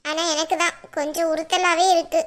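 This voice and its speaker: A woman's voice: extremely high pitch, little pitch movement, a little fast, fairly bright tone. A woman voicing a divorced elder sister in a cartoon, speaking in a subdued, resigned way. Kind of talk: cartoon voice acting.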